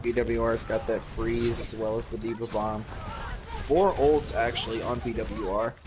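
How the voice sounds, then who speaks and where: A man casting an esports match play-by-play, relaxed and a little tired. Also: medium pitch, moderate pace. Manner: relaxed, tired, yawning between calls. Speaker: esports caster. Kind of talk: play-by-play commentary. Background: music.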